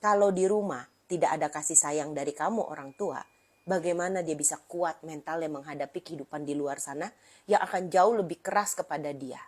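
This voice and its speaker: A woman therapist gives a casual talk to parents. She acts out the quoted dialogue in lively voices. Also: low-pitched, fairly quick. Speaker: therapist who reads clients' subconscious.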